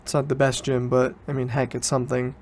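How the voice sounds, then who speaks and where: A student-aged young man hosts a solo podcast, rambling casually and correcting himself as he goes. His medium-pitched voice is monotone and brisk, with a little hiss or hum in the recording.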